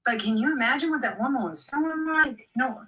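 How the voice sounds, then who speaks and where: A woman's voice: sits high, lively intonation, a little fast, bright, forceful tone, far from the mic, low-quality recording. A woman in casual chat, speaking emphatically and retelling her own reactions.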